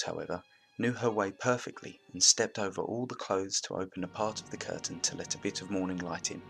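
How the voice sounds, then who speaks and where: Low bright-toned male storyteller. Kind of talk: scripted story narration.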